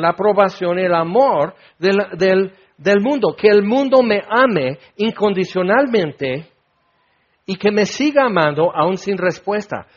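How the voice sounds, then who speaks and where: A high-pitched man gives a sermon. He talks in a folksy, joking way and drops into little voices for the people he describes. The recording sounds dull and lo-fi. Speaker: preacher.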